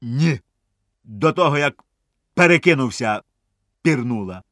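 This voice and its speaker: Guy putting on a drunk wet hunter pal, yells high from far off, stammers after. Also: lively intonation, a little slow, no room sound, clean studio sound. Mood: sheepish mumbling. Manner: shouting from afar, then stammering. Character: tipsy soaked male hunter friend, clumsy.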